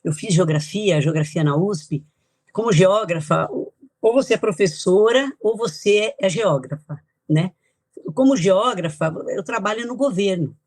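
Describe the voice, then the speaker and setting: A woman's voice: mid-range voice, animated, unhurried, a little mellow. An older woman from Italy speaks as a guest author in a podcast interview. She recounts her life in a chatty, reminiscing way, with light laughs between thoughts. The sound is dry and close, with no room echo. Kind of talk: podcast interview, personal storytelling.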